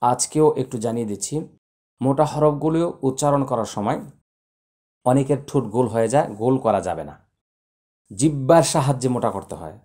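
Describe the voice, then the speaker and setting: A man's voice: mid-range voice, expressive, fairly quick, long pauses, warm tone. A man teaching Quran recitation to viewers, spelling out letters and vowel marks one by one and then chanting them. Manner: addresses viewers directly. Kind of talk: spoken lesson with chanted recitation.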